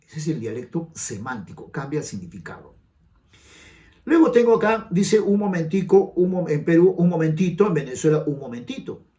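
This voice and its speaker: Lively Peruvian man teaching grammar. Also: a little high, moderate pace. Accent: Peruvian Spanish. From Peru. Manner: rhetorical questions to the viewer, emphatic. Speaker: language teacher. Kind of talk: exam-prep grammar lesson.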